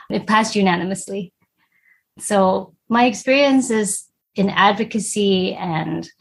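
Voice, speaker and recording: A woman's voice: on the low side, creaky. A woman from Texas talking enthusiastically as a podcast guest in a casual conversation. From Texas, USA. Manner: warm, enthusiastic, chatty.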